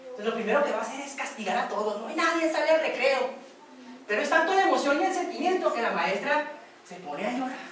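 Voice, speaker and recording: A woman's voice: high-pitched, animated, fast talker, fairly bright tone. A woman giving a workshop lecture to students, chatty and often checking with her listeners. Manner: conversational, asks for confirmation. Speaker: workshop instructor. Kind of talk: classroom lecture with storytelling. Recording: very echoey room from a distance.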